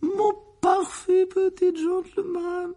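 A man voicing a fussy middle-aged aunt in a shrill, gushing falsetto for an audiobook. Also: sing-song, normal speed, dark tone, full character voice.

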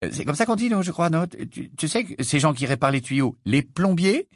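A man voicing a kindly, excitable middle-aged wizard who stammers and hurries. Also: a little high, fairly quick, dry recording, clean studio sound, pitched above the performer's own voice. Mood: flustered.

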